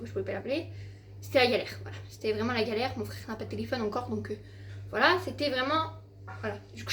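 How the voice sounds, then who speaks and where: Chatting casually to camera from home, a teen girl holds her phone and rambles, swearing offhandedly and leaning on fillers as she tells an exasperated story. She has a fairly high voice, with slight background noise.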